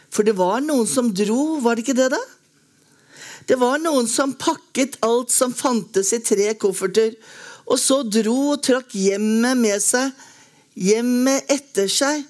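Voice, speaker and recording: A woman reading a lyric poem aloud in a slow, measured, lyrical way with long pauses. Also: a little high, a little mellow. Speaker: poetry reader.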